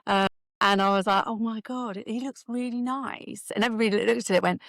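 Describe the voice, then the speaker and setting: A woman's voice: a little high, steady tone, a little fast, no room sound. Chatty woman with a dry close sound. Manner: warm, with frequent restarts and laughs. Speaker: host, the daughter who found her father. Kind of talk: casual conversational storytelling.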